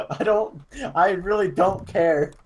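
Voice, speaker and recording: A man co-hosting a casual podcast chat, telling a school story with laughs, swearing and yelled impressions. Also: high voice, slow. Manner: laughing, swearing storyteller who mimics yelling. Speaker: podcast co-host.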